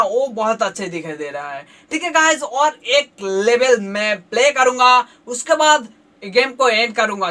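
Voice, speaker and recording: A man giving excited gameplay commentary as a gaming video host, yelling repeated exclamations while he plays. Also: extremely high pitch, distant mic. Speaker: gaming YouTuber.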